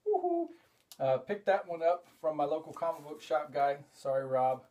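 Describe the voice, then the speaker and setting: A middle-aged American comic collector hosts a casual show-and-tell vlog, rambling enthusiastically with lots of "uh" fillers as he shows items from his collection. His fairly high voice swings hugely in pitch at a moderate pace over music, recorded by a camera a few feet away in a room full of collectibles.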